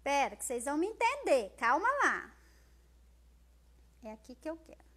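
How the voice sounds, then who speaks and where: A Brazilian woman with a Brazilian accent, talking loudly and expressively to viewers on a phone live stream. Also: sits high, moderate pace. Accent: Brazilian Portuguese. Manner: loud, forceful, expressive, chatty, reads out viewer comments. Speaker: social media live host. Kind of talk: casual live-stream talk.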